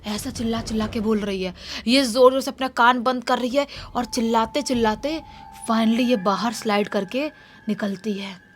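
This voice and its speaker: A woman's voice: fairly high pitch, normal speed, a little hiss or hum. A woman narrating a horror story in a casual way and acting out the dialogue of the people in it.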